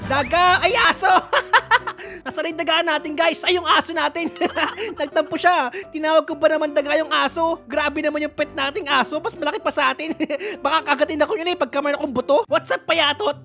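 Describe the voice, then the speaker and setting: High-voiced giggly woman gamer. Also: fairly quick, gravelly, a bit bright, faint music behind. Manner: teasing, giggly, self-mocking. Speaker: gaming channel host. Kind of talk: playful gameplay commentary.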